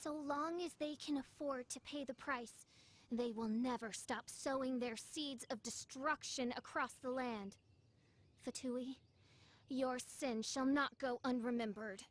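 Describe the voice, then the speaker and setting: Fischl, a grandiose young princess. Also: female voice, high voice, measured pace. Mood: darkly dramatic. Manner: archaic, pompous, dramatic pronouncements. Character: theatrical, grandiose young self-styled princess girl. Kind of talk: video game voice acting. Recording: music playing behind the voice.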